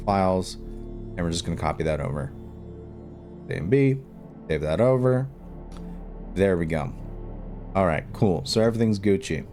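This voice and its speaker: Background music accompanies a man with a low-sitting, darkish voice as he hosts an informal step-by-step screen tutorial. He works as he talks, thinking out loud and repeating his instructions.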